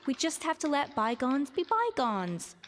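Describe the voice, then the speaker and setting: A dignified former head chef. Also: female voice, high-pitched, big pitch swings, unhurried, long reverb tail, slight background noise. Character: composed older female former head chef.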